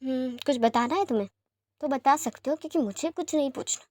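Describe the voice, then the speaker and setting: A woman's voice: high voice, darkish tone, dry recording, lightly acted. A woman voicing a doting, teasing young man who speaks fondly and reassuringly, in a fan-fiction story reading. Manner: fond and reassuring, sometimes quick.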